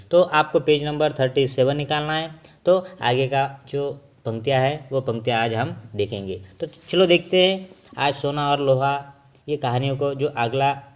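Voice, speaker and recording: A man's voice: medium pitch, moderate pace. A male teacher with a mid-range voice talks his students through a textbook story. He keeps asking and then answering his own questions as he explains each line. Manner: repetitive questioning, addresses students directly.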